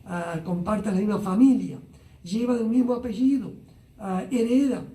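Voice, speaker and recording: Pastor, male, high mellow voice, unhurried Bible study talk with fillers, heard from a distance in a roomy space. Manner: unhurried, many "ah" fillers and tag questions. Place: church Bible study streamed live online.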